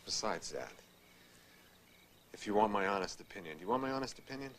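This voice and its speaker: A man's voice: lowish voice, expressive, fairly quick. An actor playing a casual, teasing middle-aged father in a TV movie, heard through hissy old VHS tape audio. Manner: casual, teasing, talks in asides. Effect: old VHS tape audio with hiss. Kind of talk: TV movie acting.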